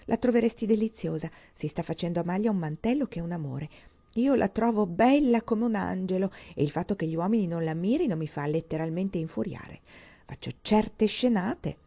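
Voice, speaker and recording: A gushing, gossipy young woman, voiced by a woman reader in a dramatized audiobook, effusive and theatrical. She confides and flatters in a warm, dark tone. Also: on the low side.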